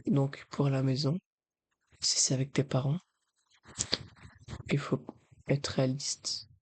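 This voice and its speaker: A man with a breathy voice, speaking softly in an ASMR style as he advises the listener. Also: medium pitch, little pitch movement, takes it slowly. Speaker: ASMR video creator. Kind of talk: soft-spoken ASMR, advising the listener directly.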